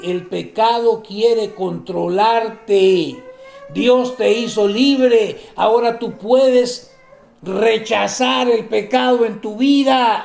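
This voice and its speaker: A man's voice: very high-pitched, gravelly, echoey room. A male pastor preaching a sermon, asking questions and answering them himself and acting out the people in his stories. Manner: acts out the people in his stories, drops to a soft voice for asides.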